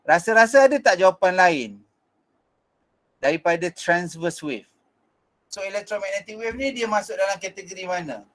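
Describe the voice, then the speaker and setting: A man's voice: high-pitched, expressive, normal speed, pauses often. A Malaysian man teaching an online physics revision class, mixing in English, with frequent fillers and restarts.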